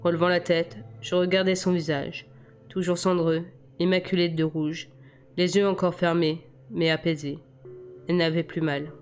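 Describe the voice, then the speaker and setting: A woman reading a novel aloud in steady first-person narration, stumbling over a word now and then. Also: fairly low pitch, normal speed, smooth, faint music behind. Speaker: amateur audiobook reader.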